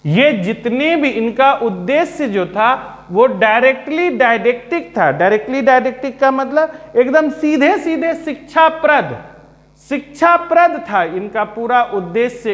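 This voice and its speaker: Male teacher, slow calm delivery, repeats terms, high lively voice, long room echo. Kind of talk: Hindi-English literature lesson. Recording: echoey room.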